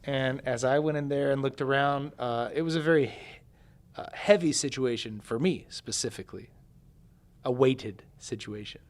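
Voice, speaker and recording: A man's voice: medium pitch, moderate pace. A male musician guest in an interview, earnestly recounting an experience and translating for his partner. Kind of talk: conversational interview.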